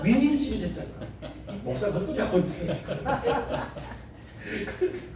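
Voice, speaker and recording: Jeolla pastor teaching a Bible class, high and lively voice, dark tone, heard from far off in an echoey classroom. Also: male voice, fairly quick, a little hiss or hum. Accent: Jeolla Korean. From Jeolla, South Korea. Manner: lively, joking, asks the class questions. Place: seminary classroom. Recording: echoey room, recorded from a distance.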